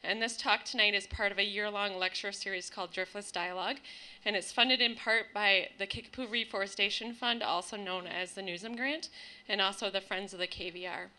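Female event host, 30s, American, strikingly bright sharp voice, mid pitch, informal welcome on handheld mic. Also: steady tone, a little fast. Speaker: events coordinator introducing a lecture. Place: community meeting room, indoors. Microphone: handheld microphone.

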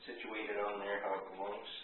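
Man in his forties, contractor, low flat voice, plain step-by-step how-to, recorded with a far camera mic in an echoey room. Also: normal speed, noisy background. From Texas. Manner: plain-spoken, practical, explaining step by step. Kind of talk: how-to demonstration. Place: small bathroom under remodel, indoors. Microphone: camera mic from a few feet away. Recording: echoey room, tinny camera sound from afar.

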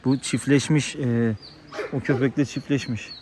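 A man vlogging outdoors on a rural farm, excitable and talking soothingly to dogs. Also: medium pitch, moderate pace, background noise. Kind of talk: casual outdoor vlog with dogs.

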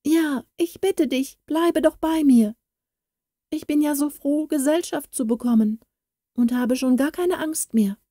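A woman's voice: high voice, moderate pace, mellow, dry recording, clean studio sound, voice pushed up, natural voice. A woman voicing a timid, lonely young village girl who speaks in an eager, pleading way in a storybook.

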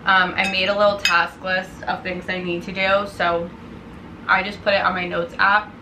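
A young woman, tired but chatty, vlogs from her living room couch, talking casually and saying "like" constantly. Her voice is fairly low and moderately paced, picked up by a camera on a tripod in a roomy home recording with faint hiss.

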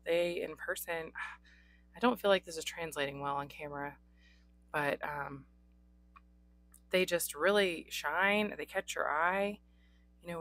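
This pen reviewer has a hoarse, low-sitting voice with a fairly bright tone, and there's no echo. Chatting through an unboxing at an indoor desk, she says um a lot and coughs now and then, filmed by an overhead desk camera that captures just her hands.

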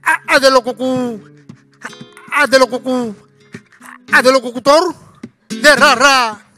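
A man's voice: extremely high pitch, fairly even intonation, slow pace, bright, forceful tone, faint music behind, voice pushed up, heavily acted. A man voicing a stammering man who stutters over every syllable while telling a joke. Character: stammering man at job interview.

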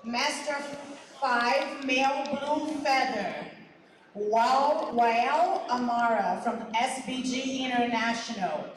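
A woman announcing competitors over a PA system in a large sports hall, reading names out slowly and deliberately. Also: on the high side, slight background noise. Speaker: tournament announcer. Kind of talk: public address calls. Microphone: PA microphone, heard from far off. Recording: echoey arena PA from far off, crowd behind.

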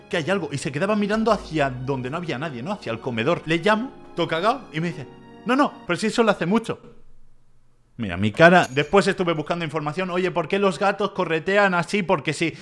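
A man with a Spain Spanish accent doing reaction commentary as a video host, excitable and jumpy, swearing a lot. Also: on the high side.

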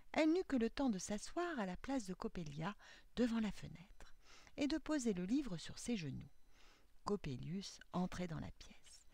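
A woman narrating a children's storybook with lively, expressive delivery. Her pitch rises and falls widely. The recording is close and dry. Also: vocal fry, no room sound. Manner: expressive, animated.

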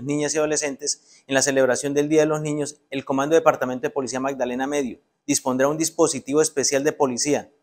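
A police commander reading a formal statement in a measured manner from an indoor office. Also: male voice, medium pitch.

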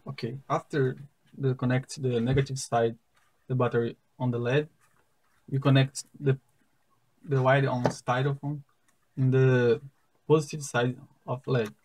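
A young man with a Brazilian Portuguese accent, a native Portuguese speaker, explains a simple circuit step by step in careful, halting English at a wooden table indoors. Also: mid-range voice, flat delivery, darkish tone, rough recording. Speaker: science fair project demonstrator.

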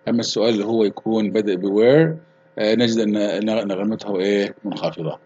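Male English teacher. Slow, deliberate reading, fast translations. Low, husky voice. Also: mellow, dull audio. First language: Arabic. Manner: reads English slowly and clearly, translates quickly with fillers. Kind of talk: bilingual lesson, reading English lines and translating into Arabic.

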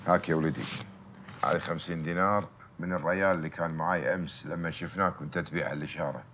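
An actor in his fifties playing a gentle, devout working-class father in a TV drama, with a Gulf Arabic accent and fatherly manner. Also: low voice, fairly even intonation, very fast, slight background noise. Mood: fatherly, calm. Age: 50s. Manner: fatherly, addresses listener as son, blessing phrases. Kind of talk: naturalistic TV drama acting.

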